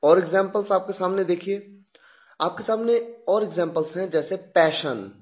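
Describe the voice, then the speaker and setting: A woman's voice: mid-range voice, moderate pace, darkish tone. A woman teaching pronunciation in a video lesson, explaining carefully and repeating each sound for practice. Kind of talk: slow, deliberate classroom explanation.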